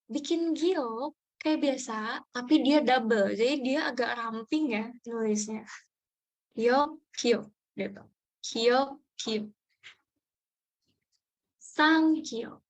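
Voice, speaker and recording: A woman's voice: on the high side, slow pace, poor audio. A young woman teaching a beginner Korean class, patiently repeating each sound several times for her students. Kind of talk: online language class.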